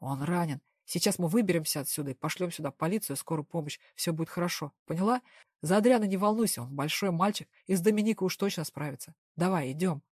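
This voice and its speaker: A tough gangster man, as a woman narrator puts him on, speaks low and firm in short, clipped orders. His voice sits well below her own. The sound is dry and close. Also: fast talker, darkish tone, breathy edge, no echo.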